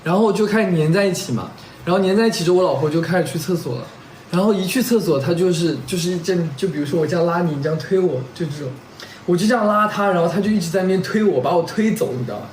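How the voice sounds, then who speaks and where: Brief: young man, high-pitched and quick, rambling casual storyteller. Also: darkish tone, a little hiss or hum. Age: young adult. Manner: rambling, strings clauses with "and then", checks in with listeners. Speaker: vlogger telling a couple story. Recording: roomy echo.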